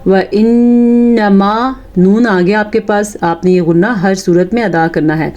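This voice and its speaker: A woman teaching Quran recitation in a Pakistani Urdu accent, chanting verses slowly and then explaining pronunciation rules and correcting common mistakes. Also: fairly low pitch, darkish tone, highs cut off. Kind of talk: tajweed lesson.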